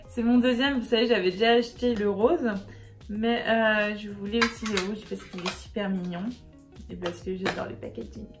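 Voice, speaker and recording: A woman beauty vlogger chatting casually and upbeat through a makeup haul, with many fillers. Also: medium pitch.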